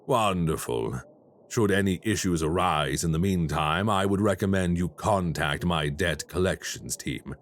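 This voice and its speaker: In an audio roleplay, an actor with a deep voice portrays a calm, formal male crime boss. He talks courteously, in a polite, measured, businesslike way.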